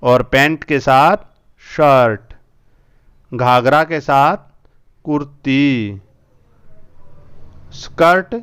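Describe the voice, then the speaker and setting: Slow, clear-voiced man teaching a lesson. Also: mid-range voice, a bit bright. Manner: slow, spells out words, repeats each word twice or three times. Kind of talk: school Hindi lesson.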